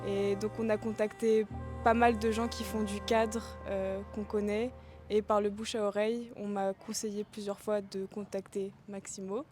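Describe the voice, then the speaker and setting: A woman's voice: mid-range voice, little pitch movement, moderate pace. A young woman from France, a circus flyer chatting cheerfully in an interview with many fillers. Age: young adult. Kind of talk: interview testimony. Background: guitar music.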